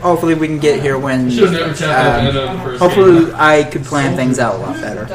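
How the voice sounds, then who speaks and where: This podcast host talks at a normal speed in a medium-pitched voice, giving blunt opinions in a casual chat while feeling his way toward his words. Loud crowd chatter fills the background.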